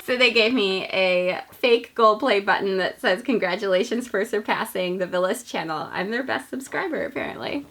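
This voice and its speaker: A young woman chatting casually in a vlog, excitable and talkative, with hiccups. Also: medium pitch, normal speed, few pauses, a little hiss or hum. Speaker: vlogger.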